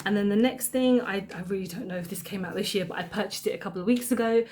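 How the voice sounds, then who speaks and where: A woman's voice: medium pitch, fast talker, a little mellow, slight background noise. A young woman chatting casually as she applies her makeup, thinking aloud and correcting herself as she goes. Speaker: beauty vlogger. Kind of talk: casual makeup tutorial chat.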